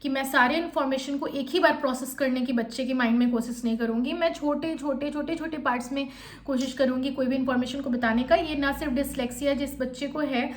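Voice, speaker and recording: A young woman with a high, bright-toned voice talks quickly through interview coaching. She explains each point step by step and then models the sample answers herself. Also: fairly even intonation. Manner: fast-talking, admits speaking quickly. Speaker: teacher coaching interview candidates. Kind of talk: exam-prep lesson with modelled interview answers.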